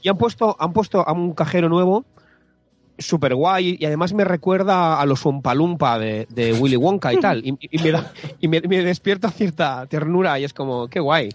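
A man's voice: a little high, dull audio. A man co-hosting a casual chat, reading out viewer comments in a playful, agreeable way. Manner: playful, quick agreement, laughs often.

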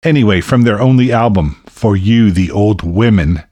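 A man's voice: on the low side, normal speed, warm tone. A man hosting a music show, introducing tracks in a scripted radio presenting style.

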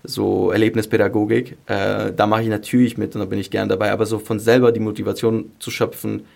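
In a casual interview chat, a singer who competed in a song contest, an early-twenties man from Greece and southern Germany, talks fast in a lowish voice with little pitch movement, vocal fry and a slightly mellow tone. He's candid, with youthful colloquial wording and emphatic repetition.

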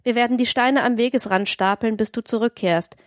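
A woman's voice: a little high, fairly quick, dry recording, clean studio sound, natural voice. A woman reading aloud and voicing an old, level-headed male carter who leads his crew, in an audiobook excerpt, with a commanding delivery. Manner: commanding, calm instructions.

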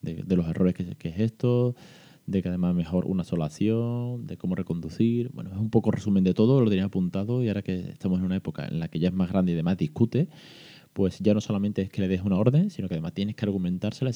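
A man hosts a parenting podcast, with a low and very dark voice. He talks in a chatty, patient way, full of fillers and restarts as he explains. The recording sounds dull and lo-fi. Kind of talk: casual reflective monologue.

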